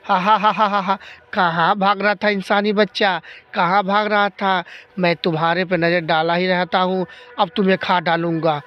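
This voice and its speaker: A man's voice: high voice, little pitch movement, normal speed, lo-fi sound, lightly acted. A man voicing a menacing male ghost who snatches children and gloats over his threats. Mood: gloating.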